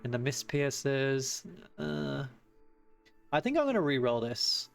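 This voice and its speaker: A man's voice: medium pitch, very animated, unhurried, gravelly. Man thinking aloud over game music. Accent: Australian. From Australia. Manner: thinking aloud, self-correcting. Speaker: streamer. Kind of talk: casual gameplay commentary. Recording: music playing under voice.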